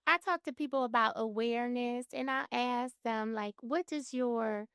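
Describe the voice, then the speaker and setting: Female therapist guest, bright-pitched with a gravelly edge, explains patiently. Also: moderate pace, dry recording, studio quality. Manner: explains patiently, acts out clients' words. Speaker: mental health therapist guest. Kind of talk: casual podcast conversation.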